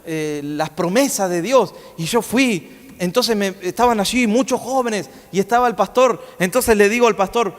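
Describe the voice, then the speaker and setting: A man's voice: high voice, moderate pace. A man preaching a sermon in a church, telling a story and asking the congregation questions, often restarting his words. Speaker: guest preacher. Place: church sanctuary. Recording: long church hall reverb.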